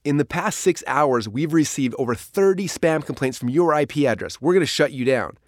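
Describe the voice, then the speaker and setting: A man voicing an angry male internet provider agent who scolds and yells, his voice pushed higher and louder than his own. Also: lively intonation, normal speed, natural voice. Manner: yelling, scolding.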